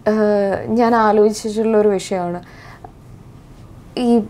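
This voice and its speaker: A young actress with a Malayali accent, answering interview questions thoughtfully and hesitantly, with many fillers and restarts. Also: female voice, mid-range voice, fairly even intonation, slow, warm tone. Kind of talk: casual interview.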